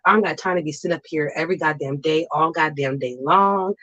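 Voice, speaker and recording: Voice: mid-range voice, fast, sharp tone. A livestream guest chatting casually and bluntly, with slang, swearing and phrases repeated for emphasis, on a dull lo-fi recording. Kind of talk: casual chat.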